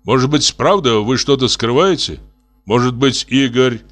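A man's voice: medium pitch, moderate pace, fairly bright tone, natural voice. A man voicing a big, serious and courteous grandfather in a storybook reading. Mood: polite. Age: older. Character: large dignified grandfather, polite and calm.

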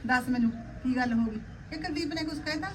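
A woman's voice: high voice, fast talker, far from the mic, noisy background, lightly acted. An actress playing a caring Punjabi mother-in-law, talking firmly and soothingly to her daughter-in-law.

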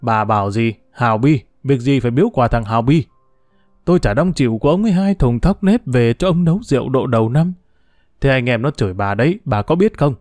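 A man's voice: medium pitch, animated, a little fast, a little mellow, no echo, studio quality, lightly acted. Man reading as an indignant old villager. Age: 70s. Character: cranky old village man, quick-tempered.

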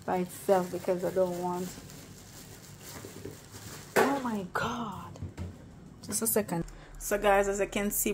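A young woman with a medium-pitched voice films a cooking vlog outdoors, holding her phone at arm's length under a tin-roofed shed in a yard. There is a little hiss or hum. She's chatty, speaking directly to her viewers between bites.

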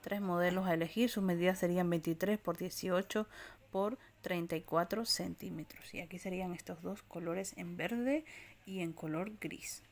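Here a shopping vlogger strolls through a discount supermarket aisle indoors, holding her phone camera while she browses. In a lowish voice at a normal speed, she steadily runs through product prices and sizes.

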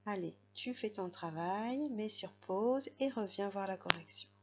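A woman's voice: medium pitch, expressive, measured pace, dull audio, background noise. A woman teaching a young child to read, patiently spelling out letters and sounds. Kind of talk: reading lesson for a young child.

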